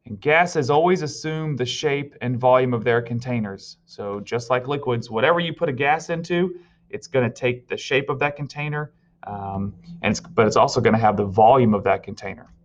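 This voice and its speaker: Man, teacher, mid-pitched voice, step-by-step notes dictation, slightly dull lo-fi audio. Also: normal speed. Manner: explains step by step, tells students what to write. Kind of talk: recorded virtual science lesson.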